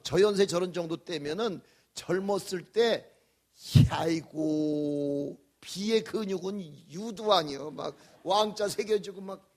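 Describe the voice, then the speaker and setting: Older male pastor, slightly high gravelly voice, folksy joking revival preaching. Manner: folksy, joking, shifts from loud to whispered. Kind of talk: revival sermon.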